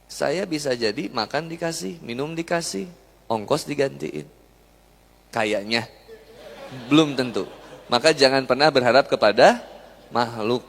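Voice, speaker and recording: A man's voice: mid-range voice, creaky, slight background noise. A young man, giving a chatty, jokey sermon and asking the crowd questions. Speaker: preacher. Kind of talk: lively sermon to a live audience. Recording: long hall reverb.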